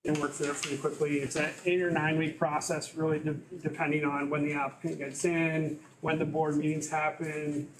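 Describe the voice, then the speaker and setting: Male board member, higher voice, monotone, casual checklist walkthrough. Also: moderate pace, few pauses, a little hiss or hum, low-quality recording. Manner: runs through a checklist in a casual, flat tone. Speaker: board member presenting a document. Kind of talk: public meeting presentation. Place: meeting room.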